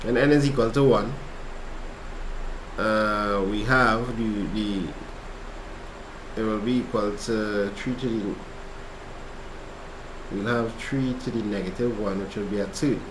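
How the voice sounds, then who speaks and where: A man with a Trinidadian accent tutors maths on a casual livestream study session, chatting with viewers between steps. His voice is fairly low and slow, with frequent pauses, and the sound is roomy over a noisy background. He's relaxed and chatty, reading chat aloud as he works through problems.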